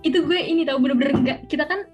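A young woman from Riau tells travel stories in a relaxed chat. Her voice sits high and she talks in a lively, animated way, acting out the lines of people in her story. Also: fast talker, highs cut off, faint music behind. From Riau, Indonesia. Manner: lively, animated, acts out quotes. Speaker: guest.

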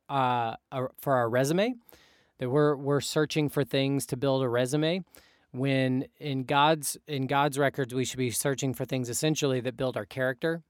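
A young man co-hosting a casual podcast, talking in a relaxed, rambling way with plenty of fillers and restarts. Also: medium pitch, dry recording, clean studio sound. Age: young adult. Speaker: podcast co-host.

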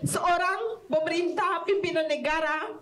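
A woman's voice: extremely high pitch, measured pace, a bit bright. A young woman at an event speaking earnestly, referring to herself by her own name. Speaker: youth event participant. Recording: echoey hall from a distance.

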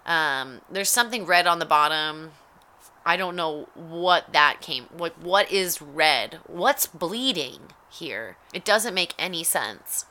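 Young woman, home mic, lowish crisp voice, sarcastic running commentary on a cooking show. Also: expressive, slow, pushed and bright. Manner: wry, sarcastic running narration. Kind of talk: casual play-by-play commentary. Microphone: home recording mic.

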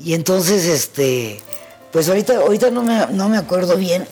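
A woman with a husky, breathy voice recounts her memories as a pianist. She tells her stories with animation and slips into the voices of the people in them. Soft music plays faintly in the background. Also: on the low side, moderate pace. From Mexico. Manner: animated storyteller who acts out the voices in her anecdotes. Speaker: pianist guest. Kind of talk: storytelling in an interview.

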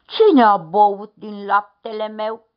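A woman voicing a big, gruff papa bear who grumbles slowly and loudly, in a dull lo-fi recording. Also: medium pitch, fairly even intonation, natural voice. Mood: grumbling. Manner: slow loud grumbling.

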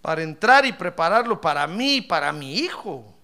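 A man voicing a bitter, destitute widow, complaining in a shrill, loud voice. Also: big pitch swings, moderate pace, gravelly, heavily acted. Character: bitter, destitute widow woman, middle-aged.

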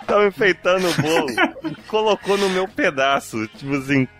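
A man's voice: high-pitched, moderate pace, faint music behind. A young Brazilian man in his twenties with a Brazilian Portuguese accent, telling a funny story in casual chat and acting out the voices of the people in it. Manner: animated, acts out voices in his stories.

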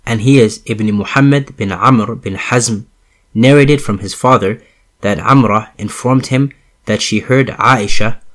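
A man reading religious texts as an audiobook, in an even, measured recitation with formal phrasing. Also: fairly low pitch. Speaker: audiobook reader.

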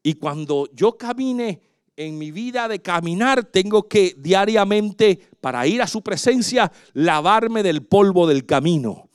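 A pastor preaching a sermon, dramatic, swinging between loud exclamations and hushed asides. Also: male voice, high voice, expressive, a little slow, smooth, dry recording, clean studio sound.

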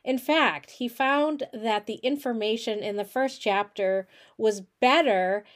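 A woman's voice: a little high, a little slow. A woman instructor giving a casual, chatty recorded lecture to her course, with frequent fillers. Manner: chatty, many fillers and restarts. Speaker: college instructor.

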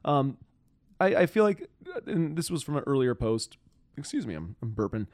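A man hosting a casual political podcast, frustrated and profane, talking in halting bursts full of restarts. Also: medium pitch, big pitch swings, darkish tone, no room sound, clean studio sound. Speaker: podcast host.

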